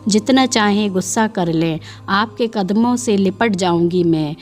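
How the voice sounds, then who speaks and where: A woman voicing a shy, pious young woman who speaks softly and evasively in a story narration. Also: mid-range voice, measured pace, soft background music, lightly acted. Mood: shy, sad.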